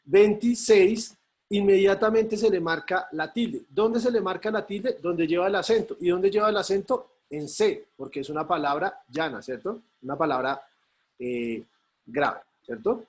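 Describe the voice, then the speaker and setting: A man's voice: sits high, normal speed. A male teacher, patiently explaining a lesson over a video call and often checking in with his students. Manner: patient, checks in with frequent tag questions. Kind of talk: online class explanation.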